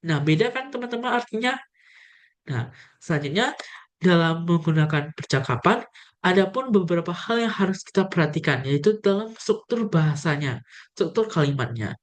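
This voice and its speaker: A woman's voice: lowish voice, animated, moderate pace. A young woman teaching a casual video lesson on Mandarin, speaking straight to her viewers and demonstrating the tones. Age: young adult. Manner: friendly, addresses viewers directly, demonstrates tones.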